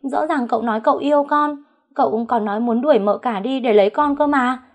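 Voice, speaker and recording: A young servant girl caught out, wailing pleas and then turning on her lover with shrill accusations, played by a woman storyteller. The voice climbs high when she cries out in this audio drama. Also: lively intonation, unhurried, warm tone. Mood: accusing. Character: young maid caught in affair, pleading then defiant.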